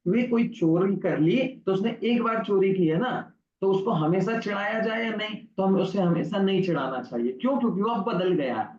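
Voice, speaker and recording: High-voiced man teaching a class. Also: a little mellow, echoey room, lo-fi sound. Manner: asks the class questions and answers them himself. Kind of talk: religious lesson for children with a story. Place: online class recording.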